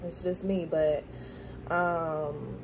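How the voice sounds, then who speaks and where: A woman's voice: lowish voice, slow, mellow, soft background music. A woman from Florida, talking with a dental grill in her mouth in a casual spiritual pep talk, repeating phrases for emphasis. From Florida, USA. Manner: affirming, repeats phrases for emphasis, checks in with "okay?". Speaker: spiritual tarot card reader.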